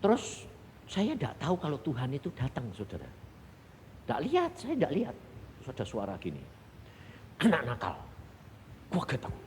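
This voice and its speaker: A man with a Javanese accent preaching a sermon and telling his own testimony, swinging from hushed asides to loud exclamations. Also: medium pitch, wildly swooping pitch, fast talker. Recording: long hall reverb, faint background noise.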